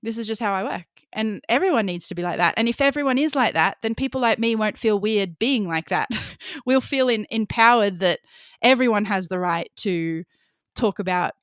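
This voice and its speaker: A woman's voice: mid-range voice, normal speed, a bit bright, clean tone, no room sound, clean studio sound. A woman hosting a podcast, talking passionately and openly and laughing often as she speaks. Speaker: podcast host. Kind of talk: podcast conversation.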